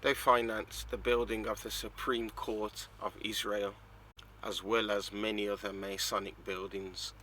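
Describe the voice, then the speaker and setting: A man narrating a teaching video, reading scripture passages aloud in a measured way. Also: fairly low pitch, slight background noise, poor audio. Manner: steady, measured reading of quoted texts. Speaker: preacher narrating.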